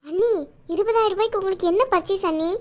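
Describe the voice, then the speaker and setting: A woman's voice: very high-pitched, quick pace, voice pushed up. A woman putting on a fretful cartoon mother. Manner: fretful, questioning. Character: worried middle-aged mother. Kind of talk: animated cartoon voice acting.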